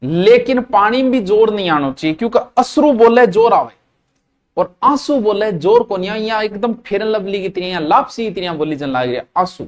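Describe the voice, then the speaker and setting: A man's voice: high-pitched, expressive, normal speed. A middle-aged man with a Rajasthani accent giving a casual, jokey classroom lecture, slipping into Marwari asides. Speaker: teacher.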